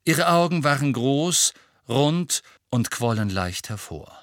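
A man narrating an audiobook in an expressive, measured way. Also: mid-range voice, no echo, studio quality.

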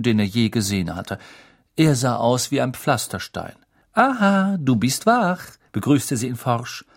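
A man narrates an audiobook with expressive, lively delivery. His voice is gravelly and husky, and his pitch moves a lot. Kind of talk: scripted narration.

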